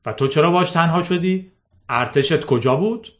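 A man's voice: fairly high pitch, voice pushed up, lightly acted. A man reading an audiobook, voicing a middle-aged boss who sounds fatherly but controlling. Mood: stern. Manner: smooth, condescending, controlling. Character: middle-aged male boss, falsely paternal, hard.

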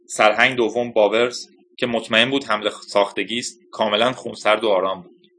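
A man narrating a thriller audiobook with even, dramatic storytelling. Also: fairly low pitch. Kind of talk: scripted narration.

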